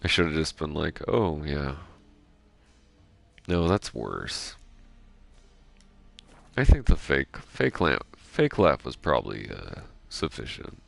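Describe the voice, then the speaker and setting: A man's voice: rumbling low, huge pitch swings, a little slow, gravelly. A man giving rambling, self-deprecating commentary while playing a game, keeping his voice down because it is late at night. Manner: soft-spoken, keeping quiet late at night. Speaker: gaming streamer. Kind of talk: casual gameplay commentary.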